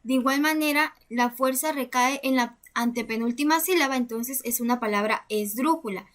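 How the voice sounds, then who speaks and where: A woman's voice: fairly high pitch, normal speed, a bit bright. A woman explaining a grammar lesson as a teacher, methodically counting syllables step by step.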